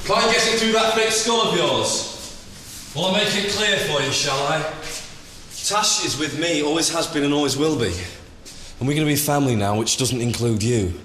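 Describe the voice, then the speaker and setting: An actor playing a jealous husband, confrontational and accusing. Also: male voice, mid-range voice, fairly quick, roomy sound, in a large hall, slight background noise, lightly acted. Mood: hostile. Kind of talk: TV drama acting.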